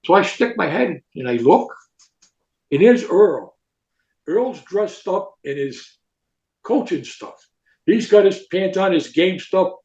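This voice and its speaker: An older man, a retired football coach, telling rambling, animated stories in a podcast interview and tagging lines with "right?" and "okay?". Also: high-pitched, slow, long pauses. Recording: echoey room, dull lo-fi sound.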